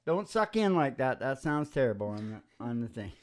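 Speaking at a normal speed with a medium-pitched, slightly mellow voice, this older male radio host is very animated as he jokes and rambles between songs. He keeps a wry manner and chuckles often, close to a stand mic in a small, dim room with wood panelling on the wall.

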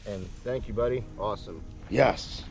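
A man in his thirties hosting a casual outdoor vlog on a dark rural road at night, chatty and excited, talking to the snakes he finds. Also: on the low side, normal speed, vocal fry. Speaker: fishing channel host. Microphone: action camera. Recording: noisy outdoor camera audio.

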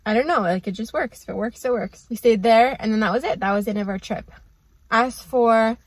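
Sitting in her parked car, a vlogger with a fairly high voice talks briskly to a camera on the dashboard, with no echo in the recording. Her casual chat rambles along, full of "like" and "um."

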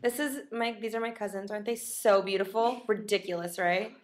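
Picked up at close range by a laptop webcam with slight background noise, this young actress speaks at a medium pitch in a steady, fairly quick tone. She's losing her voice as she chats casually with fans on a livestream, reading their questions aloud and poking fun at herself.

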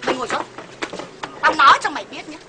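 A woman's voice: high-pitched, fast, very noisy, voice pushed down, lightly acted. A woman playing a bullying, bellowing husband. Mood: ranting. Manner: shouting, threatening, coarse. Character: bullying, shouting husband of middle age.

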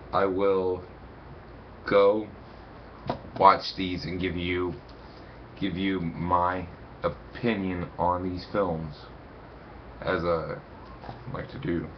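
Young man, deep low voice, slow unhurried talk, repeats himself, dull webcam sound. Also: slight background noise. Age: young adult. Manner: rambling, repeats words, reads blurbs haltingly. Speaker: video reviewer. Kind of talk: casual to-camera review. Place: small room indoors.

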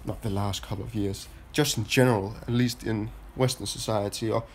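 Speaking in a lowish, steady voice with a Danish accent, a vlogger in his twenties from Denmark rambles to camera, halting often with restarts and fillers, his nose stuffy from a cold. A phone held at arm's length in a small room records him, with a little hiss or hum.

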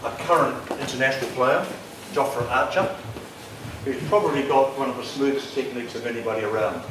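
A man's voice: medium pitch, fairly quick. Older man coaching in an echoey hall. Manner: relaxed, explanatory, points at slides. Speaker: bowling coach. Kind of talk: workshop presentation. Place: large lecture room with projector. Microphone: lapel mic. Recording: echoey room, distant sound, light noise.

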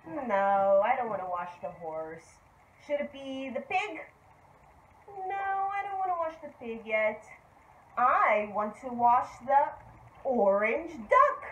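A woman speaks to toddlers in a high, sing-song voice that swoops up and down. She talks very slowly and coaxes them with exaggerated praise. The room is echoey. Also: lo-fi sound. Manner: exaggerated, animated, coaxing. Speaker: preschool teacher. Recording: echoey room, faint noise.

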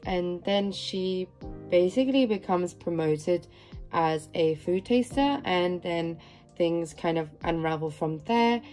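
A woman's voice: lowish voice, slow, a little mellow, soft background music. A young woman with a nasal, stuffed-up voice after being ill, chatting upbeat through a casual manga unboxing vlog. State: nasal from a cold. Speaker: manga vlogger.

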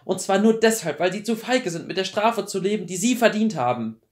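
A man voicing a desperate, defiant teenage girl in an audiobook, speaking high and loud with urgent pleading. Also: expressive, fairly quick. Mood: bitter.

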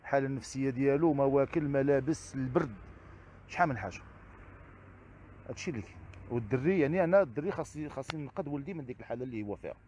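Moroccan man, very fast speech, mid-pitched voice, repeats himself, halting interview answers. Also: expressive, a little mellow, a little hiss or hum. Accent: Moroccan Arabic. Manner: repetitive, halting, keeps circling back to set phrases. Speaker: interview guest, father seeking custody.

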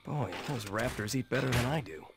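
A man's voice: mid-range voice, fairly quick, soft background music, close to an everyday voice. An actor playing a grumbling, wry male park warden in a video game, with a dry muttering manner.

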